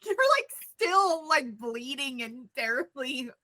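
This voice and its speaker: Bright, animated woman player. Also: high-pitched, slow. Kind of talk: casual tabletop game narration.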